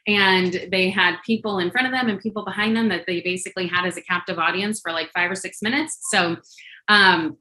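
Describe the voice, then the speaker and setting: A woman's voice: mid-range voice, fairly even intonation, brisk, bright, forceful tone, low-quality recording. A woman hosting a group coaching call online, chatty and encouraging, with lots of fillers and restarts. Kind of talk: casual coaching talk to a group.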